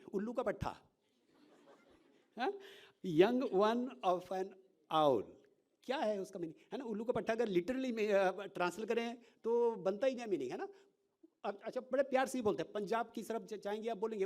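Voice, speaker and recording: In an informal lecture, a male professor with a high voice speaks animatedly, frequently checking in through rhetorical questions and slipping English words into his speech.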